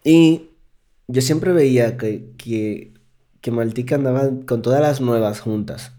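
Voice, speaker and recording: A man with a Dominican accent, chatting as a podcast co-host. His voice is mellow and warm. He tells stories in an animated way and laughs often. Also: medium pitch, measured pace. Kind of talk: casual chat.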